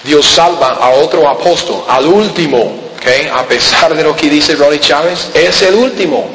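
A man preaching a Bible-teaching sermon, emphatic, often pointing listeners to the text and dropping to low, quiet urging. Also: normal speed. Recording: roomy hall with long reverb, faint noise.

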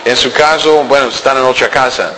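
A man's voice: medium pitch, fairly quick, crowd noise. A man teaching a Bible class in a church hall, joking and firing rhetorical questions at his listeners. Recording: long hall reverb.

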